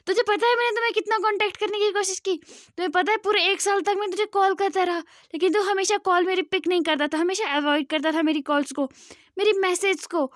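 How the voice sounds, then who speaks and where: A woman voicing an angry young man who scolds and yells at an old friend, in a storybook retelling. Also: very high voice, fairly even intonation, a little fast, no echo, studio quality. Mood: shouting. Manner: scolding, yelling.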